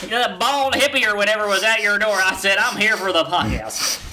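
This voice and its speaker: A man's voice: high voice, brisk, background noise, natural voice. A man voicing a brash, folksy conservative pundit who boasts about his old dog. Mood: boastful. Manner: loud, boastful, folksy drawl words. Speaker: recurring comedy character. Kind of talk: improvised comedy podcast.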